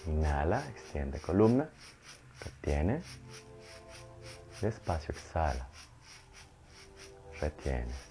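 Man, meditation instructor, low-pitched, very unhurried breath counting, short spaced cues. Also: big pitch swings, mellow. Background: music.

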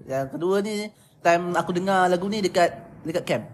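A man's voice: sits high, normal speed, slight background noise. A young man chatting casually as a podcast co-host, laughing often and singing bits of songs. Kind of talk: casual chat.

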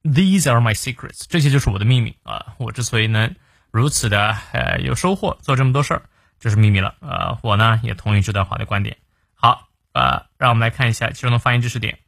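A man hosting a daily morning English lesson, explaining a quote word by word with many fillers and reading the English lines slowly and carefully. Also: mid-range voice, dry recording, studio quality. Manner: lively teaching voice, many fillers, reads English slowly and clearly.

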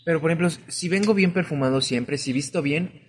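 A man's voice: on the high side, fairly quick. Joking young Mexican man on a podcast. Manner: relaxed, joking banter. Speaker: podcast co-host. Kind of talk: casual podcast chat.

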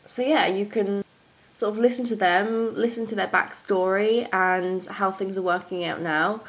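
A woman's voice: mid-range voice, fairly even intonation, normal speed, rough recording. Young woman hosting a chatty podcast. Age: young adult. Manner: chatty, informal, explanatory. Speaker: podcast host. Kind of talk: upbeat morning-show style podcast presenting.

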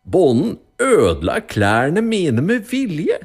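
Squeaky stuck-up rich man yelling, high and strained. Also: huge pitch swings, breathy edge, exaggerated voice. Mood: smug. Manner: shrill, shouting protests. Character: vain, pompous rich man, loud and indignant.

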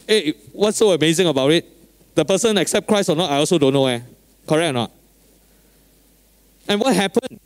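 A man with a somewhat high-set voice preaches in colloquial Singlish with a Singaporean or Malaysian accent. He talks like a pastor telling everyday stories, animated and informal, dropping particles at the ends of short phrases. The sound is very dry, without room echo. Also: fairly quick, pauses often. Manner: animated storyteller, acting out dialogue. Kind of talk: informal sermon with anecdotes.

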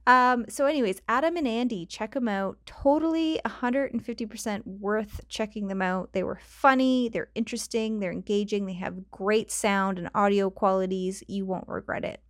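Speaking at a normal speed with hardly any pauses, this medium-pitched Canadian woman runs her own podcast. She's chatty and casual, wandering onto tangents and laughing a lot. The sound is dry and clean like a studio, despite her cheap home mic.

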